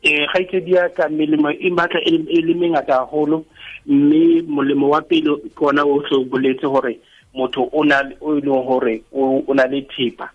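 A man's voice: a little high, flat delivery, brisk, muffled recording. A man with a Sotho accent explaining things as a guest in a radio interview, hesitating and repeating words as he goes.

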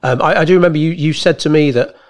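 A man's voice: a little high, quick pace. A man hosting a podcast, interviewing in a casual, conversational way.

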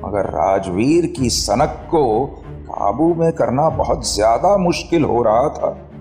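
A man narrating an audio drama in a measured storytelling manner. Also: medium pitch, lively intonation, dark tone, soft background music.

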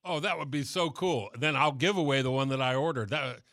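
A man hosting a casual live radio interview, talking in a loose, halting way. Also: medium pitch, fairly bright tone, dry recording, studio quality. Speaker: radio show host.

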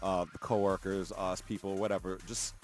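A man co-hosting a radio morning show, chatting in a relaxed way with loose restarts. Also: sits low, moderate pace, soft background music. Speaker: radio co-host. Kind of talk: casual on-air chat.

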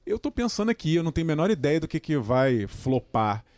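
A man's voice: a little high, sing-song, fairly quick, darkish tone, dry recording. A man co-hosting a podcast, giving thoughtful, somewhat hesitant opinions. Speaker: podcast co-host. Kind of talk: casual podcast discussion.

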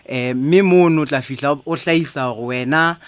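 A man with a South African Sotho accent explaining things haltingly as an official guest in a radio interview. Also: on the high side, no room sound. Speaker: liquor authority spokesman, studio guest. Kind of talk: interview answers. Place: radio studio.

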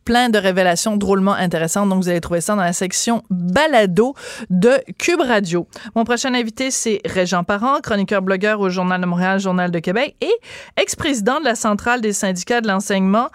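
A Quebec French woman hosts a radio talk show in a brisk, chatty way. Her voice sits at a middle pitch. The studio sound is dry and close. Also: no echo. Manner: brisk, chatty, quick laughs. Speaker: radio host.

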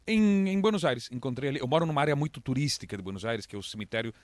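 Soft-spoken man, dry close sound. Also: mid-range voice, animated, very fast, no echo. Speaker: podcast guest, journalist. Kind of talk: conversational interview.

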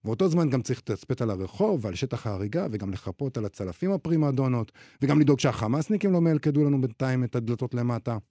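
A man's voice: mid-range voice, expressive, hardly any pauses, mellow, no echo, studio quality, close to an everyday voice. A man reading as a gangly young soldier. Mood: defensive. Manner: explaining, self-justifying.

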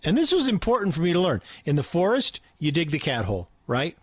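A man's voice: on the high side, huge pitch swings, a little fast, slightly rough, no echo. Earnest male co-host explaining rules. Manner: earnest, explaining, emphatic repetition. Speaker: radio co-host. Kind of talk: casual radio banter.

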